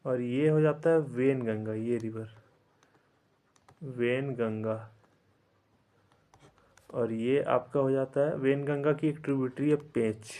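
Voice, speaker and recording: A man teaching an exam-prep geography lesson, speaking slowly and repeating terms so they can be memorized, mixing in English words and often saying "theek hai". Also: medium pitch, dark tone. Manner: repetitive drilling, frequent "theek hai" fillers; slow, deliberate recitation for memorizing.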